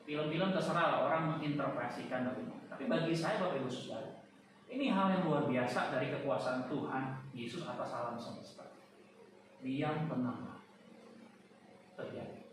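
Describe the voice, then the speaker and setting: A male pastor preaching a sermon, addressing the congregation directly and swinging between hushed and loud, emphatic delivery. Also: mid-range voice, brisk. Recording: very echoey hall, distant mic, faint noise.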